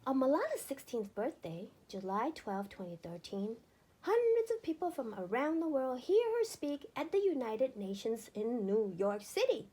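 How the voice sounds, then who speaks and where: Her voice a little high with a breathy edge, a woman reads a children's book aloud, telling it expressively and deliberately with emphatic phrasing.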